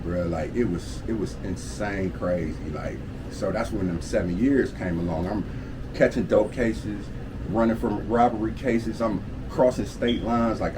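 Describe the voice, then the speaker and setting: A man in his forties from Cleveland telling his life story in a casual storytime monologue, with street slang, cursing and constant "you feel me" check-ins. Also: lowish voice. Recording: steady air-conditioner hum behind the voice. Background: air conditioning hum.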